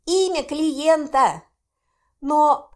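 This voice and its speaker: A woman reading an audiobook, voicing a sharp-tongued young witch heroine who is excitable and quick to protest. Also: high-pitched, voice pushed up. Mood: excited. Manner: indignant, excitable, quick to cry out.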